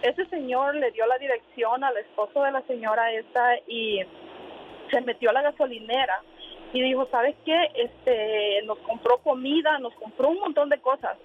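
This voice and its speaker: Phoning in to a radio program while driving, a Honduran woman with a high voice speaks at a normal speed. She recounts a personal story haltingly, with lots of fillers and quoted speech, over a tinny, noisy call.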